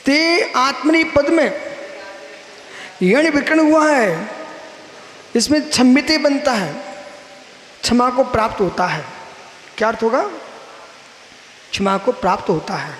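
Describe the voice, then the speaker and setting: A man's voice: very high-pitched, lively intonation, unhurried, pauses often, fairly bright tone. A man, a Jain monk, giving a sermon and explaining word roots, asking and answering his own questions. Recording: roomy hall echo with faint hiss.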